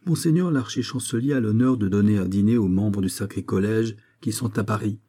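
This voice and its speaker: A man voicing a witty, dignified male magistrate with a taste for fine food, speaking with unruffled calm. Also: fairly low pitch, fairly quick, natural voice. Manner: tranquil, dignified.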